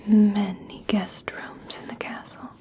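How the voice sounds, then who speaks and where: A woman voicing a kind, reassuring young elf princess in a soft, breathy, soothing whisper for an ASMR personal attention roleplay. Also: mid-range voice, level tone, close to an everyday voice. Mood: soothing, caring. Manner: slow, gentle, soothing, hushed.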